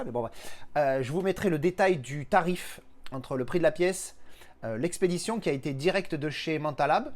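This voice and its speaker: A man casually chatting through an unboxing vlog, jokey and a little profane, talking while he handles and opens the packaging. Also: a little high. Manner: jokey, animated, casually swearing. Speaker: collector unboxing a film edition.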